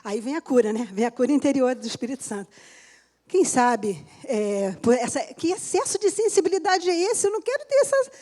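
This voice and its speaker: A woman's voice: high-pitched, very animated, a little fast, warm tone. A middle-aged woman pastor preaching a sermon in church, telling a personal testimony and laughing often as she talks to the congregation.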